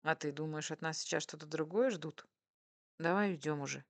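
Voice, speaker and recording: A woman's voice: sits low, moderate pace, no room sound. A woman voicing a reserved, awkward husband who talks in a restrained, grumbling way.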